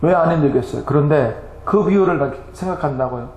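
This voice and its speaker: A man giving a missionary report in church, animated, laughing and tearful as he speaks. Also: on the high side, a little fast. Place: church sanctuary. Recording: echoey church hall.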